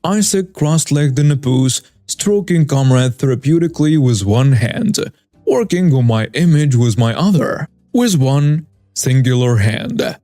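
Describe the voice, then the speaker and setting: A man narrating a reader-submitted story in a steady, matter-of-fact way. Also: mid-range voice, a little slow, no echo, soft background music.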